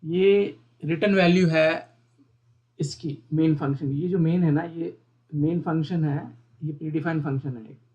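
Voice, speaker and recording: A man teaching a beginner programming lesson, explaining each part of the code slowly and repeating the terms, often asking his viewers questions. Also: a little high, steady tone, darkish tone, highs cut off. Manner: explains step by step, repeats terms, mixes English terms into Hindi. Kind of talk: screen-recorded coding lesson.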